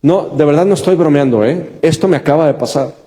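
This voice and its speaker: Male Mexican pastor, warm and slightly high, sermon with a story, big church reverb. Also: brisk. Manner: storytelling, talks to the congregation directly. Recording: long reverb of a large church.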